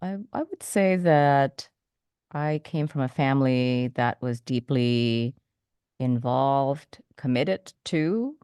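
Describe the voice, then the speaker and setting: A woman from Indonesia, a podcast host, giving thoughtful, measured interview answers with small restarts. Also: a bass voice, warm tone, smooth, no room sound, studio quality. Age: adult, came to the U.S. as a teenager.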